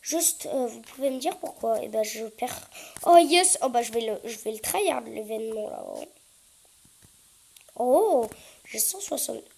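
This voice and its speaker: A woman chatting through her gameplay, with lots of hesitant fillers and sudden excited yelps. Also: a little high, measured pace, vocal fry, husky, rough recording. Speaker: gaming YouTuber. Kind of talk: casual gameplay commentary.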